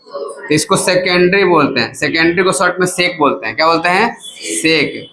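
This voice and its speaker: A man's voice: high-pitched, fairly quick, bright, forceful tone, a little hiss or hum, rough recording. A male chemistry teacher giving a casual classroom lecture who keeps asking his students to repeat each term back to him. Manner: casual, coaxing teacher talk.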